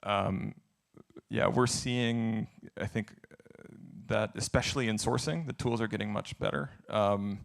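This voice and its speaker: A man speaks at a conference Q&A in a low, somewhat deep voice with a gravelly edge. He answers candidly and thinks aloud as he goes. He has the plain manner of a speaker working through his answers. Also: measured pace. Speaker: speaker answering audience questions. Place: conference event.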